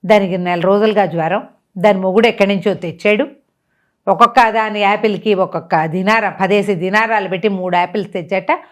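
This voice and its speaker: A woman's voice: mid-range voice, fairly even intonation, fairly quick, close to an everyday voice. A woman doing a boastful, offhand lying man. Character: boastful adult male slave, lying casually.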